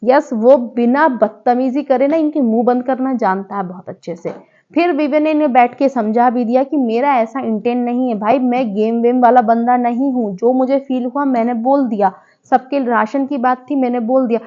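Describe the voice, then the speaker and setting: A woman's voice: on the high side, moderate pace. A woman giving a chatty, opinionated casual review of a TV show, scolding people now and then and restarting words mid-sentence. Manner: opinionated, scolding asides to contestants. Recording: dull lo-fi sound.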